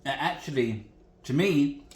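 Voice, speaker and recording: A man hosting a casual cooking demo from his home kitchen, talking in a folksy, rambling way with plenty of asides. His voice sits a little high for a man. The room gives it a noticeable echo. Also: lively intonation, unhurried. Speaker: cooking channel host.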